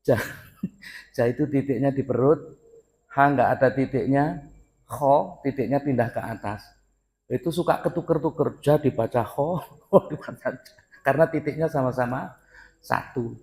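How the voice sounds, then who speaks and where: A man's voice: medium pitch, normal speed, pauses often, a little mellow. A middle-aged man giving an informal dawn sermon in a mosque, telling a story with frequent laughs and addressing the listeners as "Pak".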